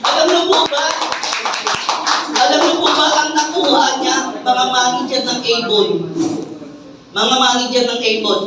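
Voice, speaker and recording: A Filipino man gives a lively motivational talk to a live audience and acts out the voices of the people in his story. He sounds far from the mic, and a long echo fills the big hall. Clear room noise sits under his voice. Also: extremely high pitch, measured pace, pauses often. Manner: animated storyteller, acts out dialogue, laughs with the crowd. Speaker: speaker giving a testimony to an audience.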